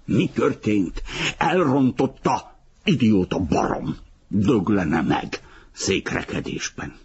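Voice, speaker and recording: A man's voice: low-pitched, lively intonation, a little mellow, slightly rough, highs cut off, exaggerated voice. A man reading an audiobook, voicing a brusque young nobleman who gives clipped orders. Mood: curt. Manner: clipped and commanding. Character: young man, curt, commanding, bitter nobleman's son.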